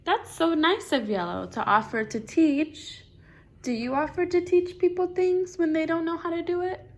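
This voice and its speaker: A woman with a very high voice reads a picture book aloud to a child at normal speed. Her style is encouraging and question-driven, and she often echoes the child's responses back as questions.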